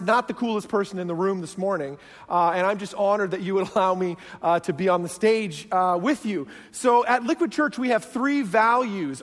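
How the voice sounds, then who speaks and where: A Canadian-accented guest pastor delivers a humorous sermon in a large church sanctuary, joking at his own expense. His voice is high with a fairly bright tone, and the recording carries long church hall reverb.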